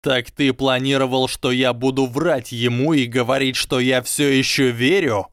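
A man voicing a proud young boy wizard who shouts and chokes with rage. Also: mid-range voice, moderate pace, no room sound, studio quality, pitched above the performer's own voice, natural voice. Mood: seething.

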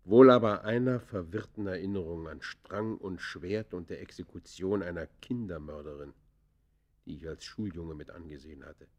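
A man with a low-pitched voice plays a brooding, defiant murderer confessing in the deliberate, literary manner of a German radio play. He shifts between hushed and vehement tones, and the mood is haunted and brooding.

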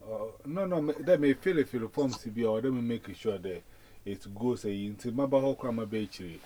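Man, mid pitch, rambling and halting on a phone call, faint noise behind. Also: dark tone. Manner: rambling, halting, repeats words.

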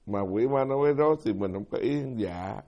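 A man's voice: lowish voice, a little fast, warm tone, muffled recording. A middle-aged man, a Buddhist monk giving a folksy, self-deprecating dharma talk who keeps putting questions to his audience. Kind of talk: sermon.

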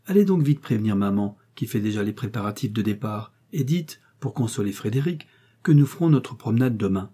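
A man voicing a sweet, composed young woman who speaks gently. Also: fairly low pitch, expressive, brisk, slightly rough. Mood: gentle. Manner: gentle, restrained.

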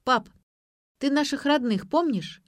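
A woman's voice: sits high, a little slow, no echo, studio quality, pitched above the performer's own voice. A woman voicing a brash, pushy young woman who talks in snappy, slangy retorts in an audiobook. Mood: prodding. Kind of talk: audiobook character voice.

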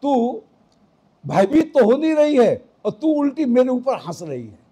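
A man's voice: very high voice, big pitch swings, a little slow, mellow, slightly rough, voice pushed up, exaggerated voice. A man voicing a young woman who trembles and reproaches her laughing friend, in a devotional storytelling talk. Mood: reproachful.

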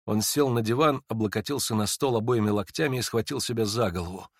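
A man's voice: lowish voice, quick pace, no echo, studio quality. Man narrating a classic novel. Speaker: audiobook narrator. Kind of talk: literary audiobook narration.

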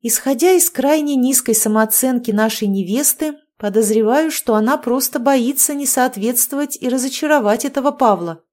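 Woman voicing a thoughtful young woman, calm, reasoning, storybook dialogue. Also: sits high, normal speed, few pauses, voice pushed up, close to an everyday voice.

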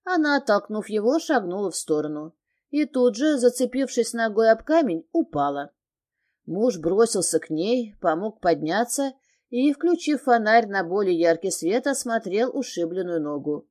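A woman narrating an audiobook in a measured storytelling manner. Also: mid-range voice, sing-song, a little mellow.

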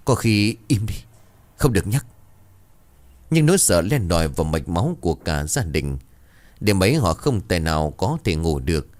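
A man narrates a horror tale with dramatic, suspenseful delivery. His voice is very deep yet moves widely up and down as he builds tension. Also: a little mellow. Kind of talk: ghost story narration.

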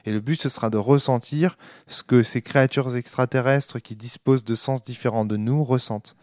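A man's voice: mid-range voice, fairly even intonation, normal speed, a little mellow, no echo, clean studio sound. A man with a lisp that makes his s sounds slushy, chatting emphatically on a podcast and often repeating words. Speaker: podcast speaker discussing a role-playing game. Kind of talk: casual, engaged discussion.

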